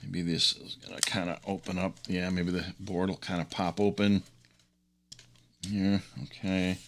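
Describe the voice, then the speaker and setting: His voice sits low with little pitch movement and a slightly slow delivery. He's a middle-aged or older hobbyist rambling cheerfully through a teardown at an indoor workbench, unscripted and often chuckling.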